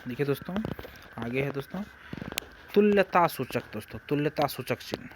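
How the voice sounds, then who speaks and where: His voice is on the high side and expressive as this Bihari-accented man teaches an exam-prep grammar lesson at a moderate pace. Over background noise, he keeps repeating points, answering his own questions, and addressing his friends.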